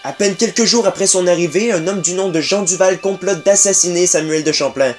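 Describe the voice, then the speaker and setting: Québécois guy doing a sarcastic history bit, kinda high voice, music low behind. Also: brisk. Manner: wry, sarcastic asides. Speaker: video host. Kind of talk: comic history narration.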